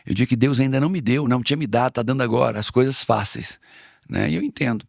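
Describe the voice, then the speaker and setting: A man's voice: medium pitch, fast talker, gravelly, dry recording, studio quality. A middle-aged man from Brazil in a conversational interview, speaking earnestly and repeating phrases for emphasis. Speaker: interview guest.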